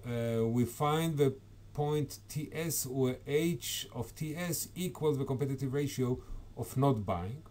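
A man's voice: mid-range voice, warm tone, slight background noise. A man giving an academic conference talk over slides, hesitant, with frequent fillers and self-corrections. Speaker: conference presenter.

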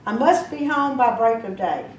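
A determined young skeleton heroine from a storybook, as a woman reading aloud voices her, resolute and firm, in a fairly high voice. The sound is roomy and a little distant, with a faint rumble underneath. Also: animated, normal speed, darkish tone, close to an everyday voice.

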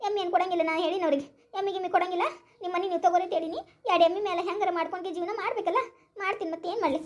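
A woman's voice: very high-pitched, fairly even intonation, very fast, slight background noise. A woman playing a practical, talkative village woman who questions and consoles her relatives, with a North Karnataka accent. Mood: chatty advice. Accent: North Karnataka Kannada. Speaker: village woman in comedy skit.

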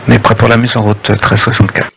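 A man's voice: fairly low pitch, completely flat delivery, fast, vocal fry, a bit bright, slightly rough. A man speaking as an airline pilot, reading back radio phraseology over a pilot headset on a noisy radio link. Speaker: airline pilot in online flight simulation. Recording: noisy, clicky radio transmission.

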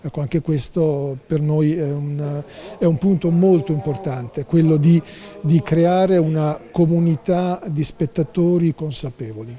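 Interviewed about his role as a festival's artistic director, a man in his sixties talks unhurriedly in a slightly high, warm voice. He's masked in an indoor office and keeps restarting, with plenty of fillers.

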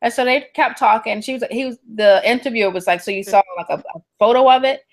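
Talking fast in a fairly high voice, this podcast co-host keeps things relaxed and casual, supporting her partner with frequent agreement and a steady stream of mm-hmms.

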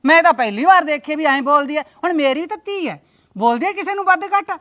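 A sharp-tongued visiting aunt, played by a woman, scolds and complains with constant indignation. Her voice is high and she has a Punjabi accent. The part belongs to a middle-aged woman in a village family drama. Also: animated, fast. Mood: indignant.

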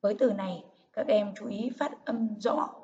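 A woman teacher giving a reading lesson to young children, speaking slowly with careful, clear enunciation. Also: mid-range voice, darkish tone. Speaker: primary school teacher. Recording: distant, muffled recording with faint hiss.

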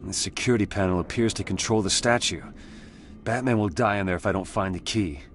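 An actor voicing a determined young male vigilante in a video game, speaking in a serious, measured way as if thinking aloud. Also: lowish voice, slight background noise, natural voice. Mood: worried, grim.

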